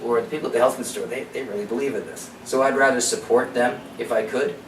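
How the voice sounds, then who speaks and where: In an echoey room with a distant mic and background noise, a man presents an informal health seminar at a quick pace. His medium-pitched voice stays fairly even while he talks opinionatedly, tossing out rhetorical questions and quoted asides.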